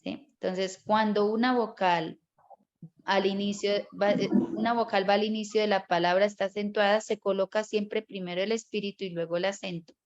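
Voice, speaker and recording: A woman's voice: mid-range voice, fairly even intonation, moderate pace, muffled recording. A woman teaching a Bible course class, explaining step by step and often checking in with her students. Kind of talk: online class lecture.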